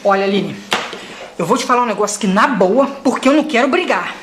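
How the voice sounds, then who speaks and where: A woman's voice: fairly high pitch, animated, fast talker, roomy sound, noisy background, natural voice. A woman playing an exasperated father fed up with his son's online schooling, ranting in a comic sketch. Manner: ranting comic complaint, mock outrage. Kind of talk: comedic sketch video.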